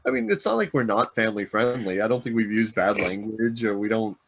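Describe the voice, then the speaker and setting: A man's voice: on the low side, expressive, fairly quick, gravelly, breathy edge. A middle-aged man co-hosting a board game podcast in casual, rambling chat, often correcting himself as he talks. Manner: rambling, self-correcting, chuckling. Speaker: podcast co-host.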